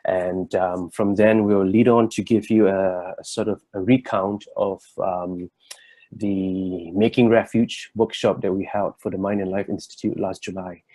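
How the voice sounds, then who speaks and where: A man's voice: low voice, flat delivery, unhurried, dark tone. A man, giving an earnest, reflective talk as a workshop co-presenter and searching for his words. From Singapore. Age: 30s.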